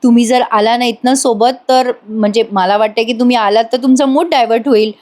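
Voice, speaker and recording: A woman's voice: a little high, steady tone, brisk, darkish tone, lightly acted. Woman doing a coaxing dutiful son. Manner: coaxing, persuasive.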